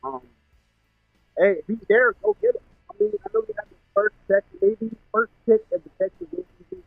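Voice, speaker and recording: Man, caller, muffled as if through a wall, high lively voice, dull lo-fi phone sound, halting with fillers. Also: gravelly, breathy edge, no room sound, soft background music. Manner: halting, with many fillers and restarts. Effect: muffled, as if heard through a wall. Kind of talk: casual call-in chat about football.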